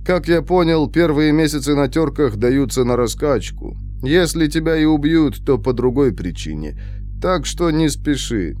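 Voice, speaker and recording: A man voicing a calm, detached young male prisoner in his twenties who speaks slowly and in a measured, lecturing way. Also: on the high side, soft background music, lightly acted. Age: 20s.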